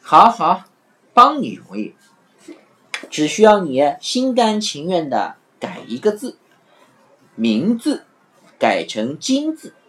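This is a sly, playful trickster man from a children's storybook, calling out loud and bright. His voice leaps high above a plain speaking voice and swings widely up and down. A woman reading the story acts him out. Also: wildly swooping pitch, takes it slowly, pauses often, heavily acted. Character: clever witty trickster man, teasing.

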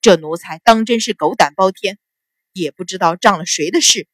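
A woman voicing a stern middle-aged nobleman and father who questions his family gruffly. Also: mid-range voice, expressive, normal speed, no echo, clean studio sound, lightly acted.

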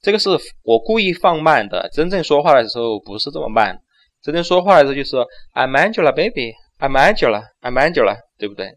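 A man whose first language is Chinese, teaching English pronunciation and slowing down to repeat phrases for learners. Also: fairly high pitch, very animated. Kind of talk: pronunciation lesson.

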